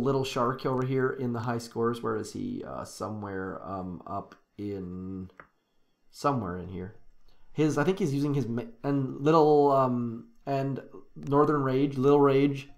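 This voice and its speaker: A mid-range-voiced man streams himself playing a strategy game live. He rambles cheerfully and casually, correcting himself and rooting aloud for his troops.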